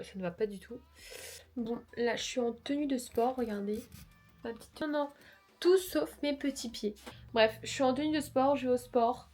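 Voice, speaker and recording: Nasal from a cold, she rambles through a casual vlog chat and pokes fun at herself along the way. Her voice is a little high and a little mellow, and she's using a lapel mic plugged into a phone.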